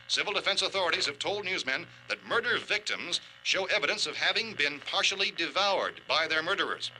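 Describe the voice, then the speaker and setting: An actor playing a grave male newscaster reading a formal, measured 1960s emergency bulletin. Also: a little high, pushed and bright, slight background noise, poor audio.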